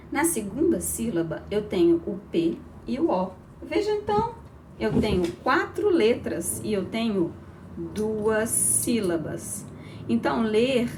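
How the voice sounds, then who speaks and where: A woman teaching an early reading lesson to children, encouraging and spelling out syllables slowly. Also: mid-range voice, a little mellow, distant mic, slight background noise.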